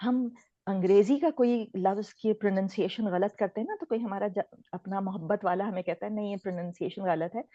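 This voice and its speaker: A woman's voice: medium pitch, dark tone, dry recording. A woman from Pakistan giving an informal online recitation lesson, explaining conversationally and mixing English words in. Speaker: Quran recitation teacher. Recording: dull lo-fi sound.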